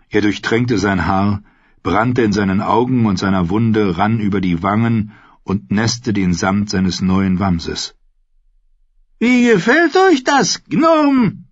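A man narrating a fantasy novel in an expressive, measured reading. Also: low voice, breathy edge, no echo, lo-fi sound. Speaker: audiobook narrator.

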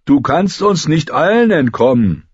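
A man putting on a blunt, touchy young recruit in a storybook, pitched high and insisting on every word. The sound is dull and dry. A husky grain stays under the put-on voice. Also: big pitch swings, measured pace, dry recording, exaggerated voice. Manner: sulky, earnest insisting. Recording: muffled lo-fi, dry.

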